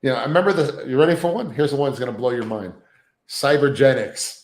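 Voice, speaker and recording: A man in his thirties spins loose, profane stories as an interview guest, and he often slips into other people's voices. His pitch sits right in the middle. The room adds a noticeable echo around him. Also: quick pace. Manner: profane, animated anecdotes with acted quotes. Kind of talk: casual storytelling interview.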